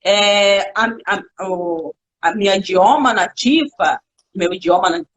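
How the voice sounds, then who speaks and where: A young Kalapalo-speaking woman from the Xingu speaks Portuguese as a guest on a live video call, in a casual interview. Her medium-pitched voice comes through a rough recording, and she's thoughtful and halting, often restarting.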